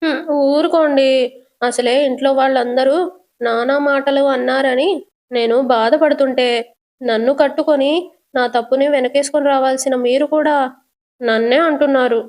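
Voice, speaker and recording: A doting, fussy middle-aged mother-in-law, as a woman puts her on in a storytelling recap. She coaxes and scolds in a high voice, pressing everyone to eat her cooking. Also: steady tone, moderate pace, long pauses, darkish tone, close to an everyday voice. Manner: coaxing, scolding.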